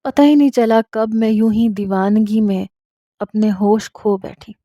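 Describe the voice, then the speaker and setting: Mellow-voiced woman narrating a tragic story. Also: mid-range voice, no echo, studio quality. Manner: emotional, intense storytelling. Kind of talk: scripted first-person dramatic narration.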